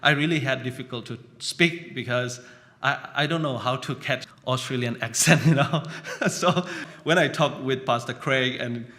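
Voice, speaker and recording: A man's voice: mid-range voice, moderate pace, pushed and bright. A man from Burma, preaching a conversational sermon that he keeps checking in on with "you know" and "right?".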